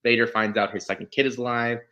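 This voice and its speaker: A man co-hosting a podcast, retelling a story in a rambling, excitable way, with frequent restarts and swearing. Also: mid-range voice, fast talker, lo-fi sound. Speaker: podcast co-host. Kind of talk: casual chat, retelling a story.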